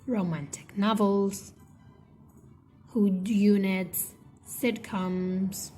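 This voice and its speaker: Reading from an academic textbook in scripted narration, a medium-pitched woman speaks with measured, deliberate phrasing, breaking the text into short segments.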